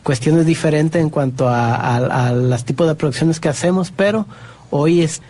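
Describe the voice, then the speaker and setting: A Mexican music producer speaks as a guest on a talk show, in a mellow, soft-edged voice. His pitch is a bit higher than most men's. He talks haltingly, repeating words and restarting often. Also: dry recording. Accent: Mexican Spanish. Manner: hesitant, halting, many restarts. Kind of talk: interview answers.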